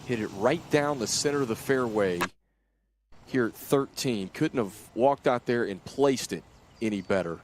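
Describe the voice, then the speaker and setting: A man's voice: mid-range voice, normal speed, darkish tone, slight background noise. Man calling live golf as lead commentator.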